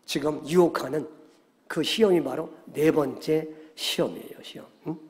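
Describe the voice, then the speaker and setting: A male pastor preaching a Sunday sermon, animated, often checking in with the congregation and acting out quoted voices. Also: on the high side, moderate pace. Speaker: senior pastor. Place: church sanctuary. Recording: long church hall reverb.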